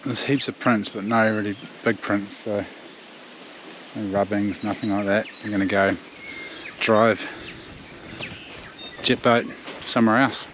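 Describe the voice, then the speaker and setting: A man's voice: lowish voice, fairly even intonation, a little slow, pauses often, noisy background. A man with a broad New Zealand accent chatting casually for an outdoor vlog in a laconic, slangy way. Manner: laconic, slangy, swears easily. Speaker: outdoor hunting vlogger. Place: outdoors in bush and by a river.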